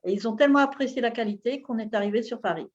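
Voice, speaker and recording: A woman's voice: fairly high pitch, rapid-fire, muffled recording. A woman local food producer proudly answering a panel question. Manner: proud, eager.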